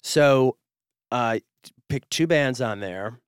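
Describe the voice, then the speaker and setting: A man's voice: medium pitch, smooth, dry recording, studio quality. A middle-aged man from North Carolina hosting a podcast, playfully acting clueless with lots of fillers and stumbles. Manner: plays dumb, halting with many fillers. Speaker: podcast host. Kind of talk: playful role-play interview.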